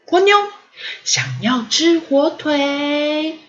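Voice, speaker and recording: A woman voicing an excited little magical fish girl in a storybook reading, squealing and childlike. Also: medium pitch, unhurried. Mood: eager. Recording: slightly dull lo-fi audio.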